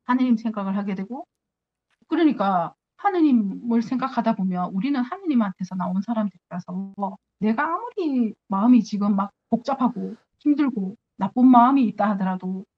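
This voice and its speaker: Earnest nun giving a spiritual talk. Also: female voice, fairly high pitch, expressive, moderate pace, highs cut off. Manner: earnest, acts out her own prayers to God.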